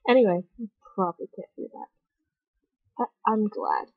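A woman's voice: mid-range voice, huge pitch swings, moderate pace, creaky, husky, no echo. A young woman vlogging in a casual chat, bubbly and rambling, with giggly, dramatic quoted asides. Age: young adult. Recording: dull lo-fi webcam audio.

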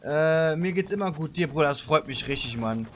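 Man, game streamer, slangy live chat, playful commands, fairly high voice, faint background noise. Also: animated, normal speed, a bit bright. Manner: bossy playful commands to viewers; street slang, calls people bro.

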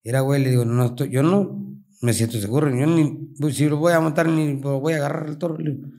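A man with a Mexican accent, a bull rider talking casually in an interview, telling stories in animated, slang-filled speech. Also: fairly high pitch, fast. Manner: colloquial, animated storytelling with slang.

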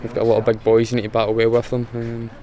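Rapid-fire and monotone, this young Scottish man has a mellow, mid-range voice. He's a footballer giving a plain, matter-of-fact post-match interview with frequent fillers, outdoors in front of a sponsor board.

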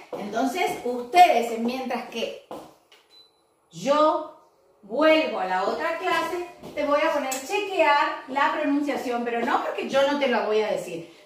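Female English teacher, high voice, patient step-by-step explainer; distant, roomy echo. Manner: explains step by step, often checks with "¿sí?". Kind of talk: recorded online class for young pupils. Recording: very echoey room, voice far from the mic.

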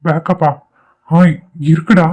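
A man's voice: a little high, flat delivery, takes it slowly, darkish tone. A man voicing a worried young office worker in a cartoon who fears his work is lost. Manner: distressed, fretful. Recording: dull lo-fi cartoon audio.

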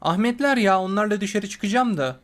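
A man's voice: sits high, animated, moderate pace. A man voicing a whiny, put-upon son in a Turkish comedy cartoon, complaining as he talks. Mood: pleading. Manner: whining, complaining. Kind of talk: comedy animation sketch.

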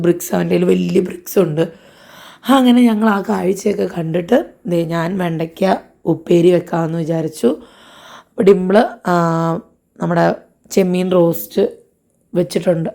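A young woman with a hoarse voice and a blocked nose, narrating her day in a casual family vlog. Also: fairly low pitch, dark tone. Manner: chatty, rambling daily-life narration. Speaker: family vlogger.

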